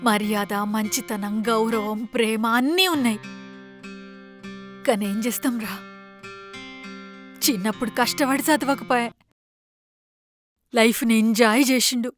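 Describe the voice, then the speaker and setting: A woman's voice: a little high, a little slow, pauses often, soft background music, natural voice. An actress playing a worried scolding mother, Telangana accent. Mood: pleading. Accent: Telangana Telugu. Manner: emotional, scolding, pleading. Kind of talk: web series drama acting.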